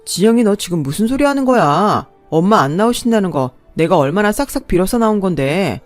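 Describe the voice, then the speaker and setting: A woman's voice: mid-range voice, animated, brisk, no room sound, soft background music, natural voice. Woman doing a sulky young man, irritated and whiny, story read. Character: petty young man, mama's boy.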